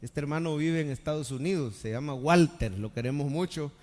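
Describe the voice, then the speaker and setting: A male pastor preaching a live sermon, swinging between loud calls and hushed lines and asking the congregation for amens. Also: on the high side, a little fast. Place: church sanctuary during a live service. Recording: long church-hall reverb.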